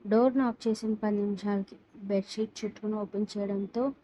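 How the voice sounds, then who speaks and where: Mellow-voiced woman narrating a story. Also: mid-range voice, steady tone, brisk, poor audio. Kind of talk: read-aloud story narration.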